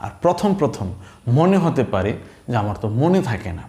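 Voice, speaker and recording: A man teaching spelling, reciting letter-vowel combinations slowly and checking in with his students. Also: medium pitch, very animated, dark tone, roomy sound. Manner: slow, drawn-out recitation with checking questions. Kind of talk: slow recited lesson.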